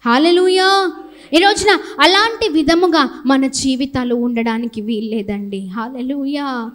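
A woman's voice: sits high, measured pace. A woman preacher with a Telugu accent, giving an impassioned sermon full of hallelujahs and questions to the listeners.

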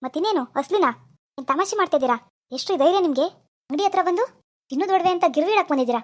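An irritable, bossy pawnbroker voiced by a woman scolds a customer in a cartoon. The voice runs very high and rattles along at a breakneck pace. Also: animated, very fast. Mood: scolding. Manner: scolding, impatient, threatening. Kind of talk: animated cartoon dialogue.

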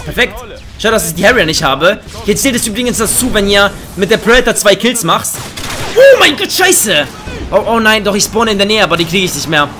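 A young man doing excitable, joking let's play commentary on a headset mic, with bursts of high laughter. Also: background noise. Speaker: gaming YouTuber. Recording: faint game gunfire behind.

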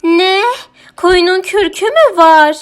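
Woman doing Mörlala, a loud stubborn cow. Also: sits high, voice pushed up, lightly acted. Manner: loud, exclaiming, drawn-out whines. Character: vain stubborn female cow, demanding and whiny. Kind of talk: children's audiobook character voice.

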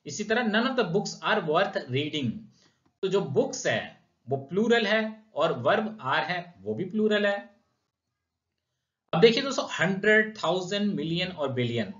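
Lively Indian man teaching grammar. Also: high-pitched. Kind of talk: grammar lesson explaining rules with examples. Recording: echoey room, dull lo-fi sound.

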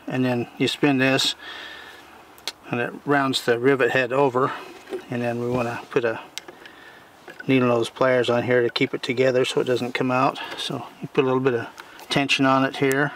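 Standing in his backyard, an older man who hosts a homesteading channel talks through a repair job as a casual how-to, folksy, rambling and plain-spoken. His pitch is ordinary for a man, and he speaks at a normal speed. A camera mic catches him from a few steps away, with steady outdoor noise beneath his voice.

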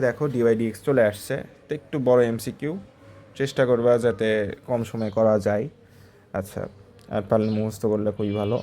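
A man's voice: mid-range voice, a little mellow, a little hiss or hum. A male math tutor walking through exam problems step by step, talking in a conversational way and often asking the student short checking questions.

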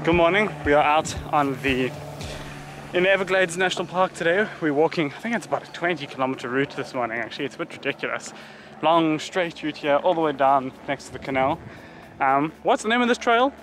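A young South African man talks cheerfully to a camera held at arm's length as he walks through a park and along a beach. His voice sits a little high for a man, and music plays clearly underneath. The delivery is casual and chatty, a travel vlog told on the move. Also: a bit bright. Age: 20s. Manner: chatty, upbeat, talks to camera while walking. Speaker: travel vlogger. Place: outdoors on trails and a beach.

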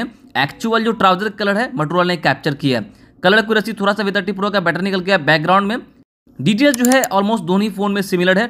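Guy with a kinda high voice doing a chill tech review voice-over, explains stuff step by step. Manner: steady, explanatory, talks the viewer through.

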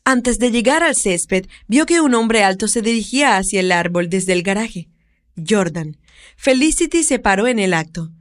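A woman narrating an audiobook romance in an expressive storytelling read. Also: mid-range voice, moderate pace. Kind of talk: scripted narration.

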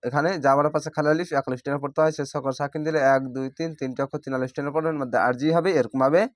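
A man teaching Quran reading, spelling each word out slowly by its letters and vowel marks before reciting it. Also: medium pitch, fairly even intonation, no room sound, clean studio sound. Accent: Bangladeshi Bengali. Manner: slow, drawn-out syllable-by-syllable spelling with recited words.

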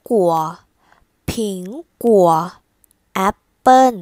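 Very slow, emphatic woman pronunciation drill. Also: dark tone, dry recording, studio quality. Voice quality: emphatic, drawn-out words said twice for repetition. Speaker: language teacher leading a repeat-after-me drill.

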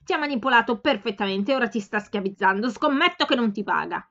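A woman's voice: on the high side, expressive, fast. Woman reader doing a blunt young sister, pushy and insistent, slightly muffled home audio. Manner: forceful, insistent scolding.

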